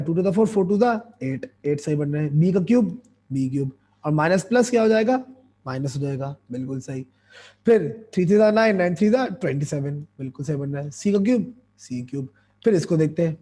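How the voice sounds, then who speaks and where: Man, math teacher, hoarse, husky, fairly high voice, step-by-step questioning. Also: warm tone. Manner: explains step by step with repeated questions to students. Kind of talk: online math lesson.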